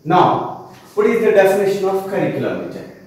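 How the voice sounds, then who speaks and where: Echoey high-voiced Indian English teacher. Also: male voice, big pitch swings, fairly quick, darkish tone. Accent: Telangana Indian English. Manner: repeats definitions, asks and answers own questions. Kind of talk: online class lecture. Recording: very echoey room, mic far off.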